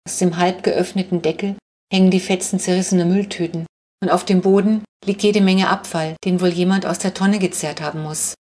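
A woman narrating a children's audiobook with lively, expressive reading. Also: on the low side, a little fast. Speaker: audiobook reader. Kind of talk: scripted children's book narration.

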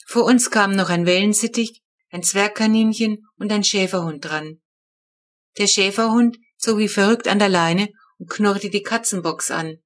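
A woman narrating a children's book with lively, expressive storytelling. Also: mid-range voice, normal speed. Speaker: audiobook narrator.

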